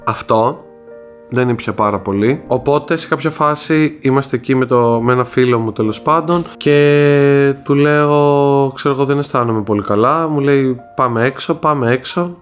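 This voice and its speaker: A man's voice: mid-range voice, faint music behind. A young man with a Greek accent recounts his story in a casual vlog, shaken and repeating himself, speaking frankly to his viewers. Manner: shaken, repetitive, frank retelling. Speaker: vlogger.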